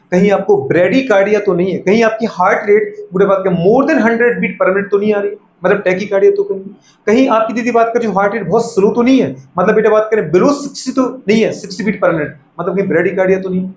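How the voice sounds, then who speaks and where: A man's voice: high voice, a little mellow. A man teaching a lecture, constantly checking whether the students follow and repeating a filler phrase. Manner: keeps asking students if they follow and calls them "beta". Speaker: medical entrance teacher. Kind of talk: classroom-style lecture. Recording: echoey room with faint background noise.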